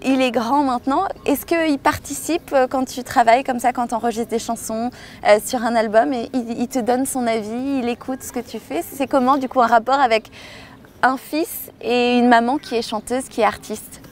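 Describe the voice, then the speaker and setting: A woman's voice: on the high side, fairly even intonation, normal speed, a little hiss or hum. A woman interviewer asking questions conversationally in an encouraging, supportive manner.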